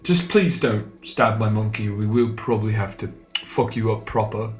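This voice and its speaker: A man's voice: fairly low pitch, moderate pace, a little mellow, reverberant. A man playing a tabletop game, casually asking the game master lots of questions. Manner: curious, asks many questions. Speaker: player.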